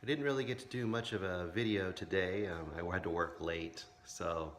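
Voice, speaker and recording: A man's voice: sits low, steady tone, normal speed, a bit bright. A tired man in his fifties chatting casually and rambling in a late-night vlog, with many fillers. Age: 50s. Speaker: vlogger.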